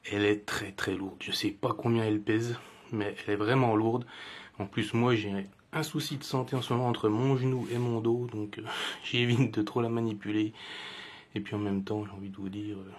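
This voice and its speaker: A man with a Jura French accent talks casually about his snake in a husky, slightly breathy voice. His pitch sits in an ordinary middle range. He speaks in a relaxed way, pausing often on fillers. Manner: relaxed, hesitant with many fillers. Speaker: reptile keeper and channel host. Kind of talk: casual video presentation. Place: indoors beside a terrarium.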